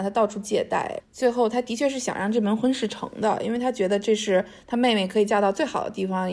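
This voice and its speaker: A woman's voice: mid-range voice, gravelly, darkish tone. A woman talking as a guest author, telling history in a casual, chatty, colloquial way and often checking that the listener follows. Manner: chatty, colloquial, often seeking agreement with tag questions. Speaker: author guest discussing their history book. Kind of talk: casual conversational storytelling.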